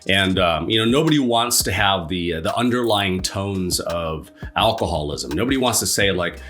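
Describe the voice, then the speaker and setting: A man with a low, fairly bright voice, congested and stuffy from allergies, hosts his own sobriety channel in a casual solo video. He talks at a normal speed with lively intonation, laughs at himself, and fills his speech with fillers and restarts over soft background music.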